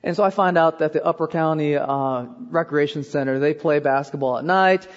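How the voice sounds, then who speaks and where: A man in his 30s, born in Korea and raised in Iowa, preaches a sermon as a pastor, telling self-deprecating stories and often adding "okay?" His voice is a little high and brisk. The muffled recording has a big-room sound.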